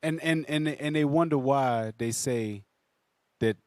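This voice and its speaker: A man's voice: medium pitch, measured pace, no room sound. A man talking casually as a panelist in a group news discussion, slangy and emphatic, often repeating himself.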